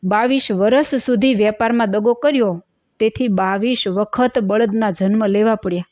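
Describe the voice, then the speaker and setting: A woman's voice: medium pitch, normal speed, darkish tone, no room sound. A woman narrating a devotional moral story in a preachy, cautionary manner.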